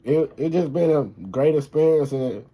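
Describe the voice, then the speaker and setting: This young vlogger's voice sits a little high, with a dark, breathy tone and a moderate pace. As an expecting father, he chats in a relaxed, slangy way while coming across as protective.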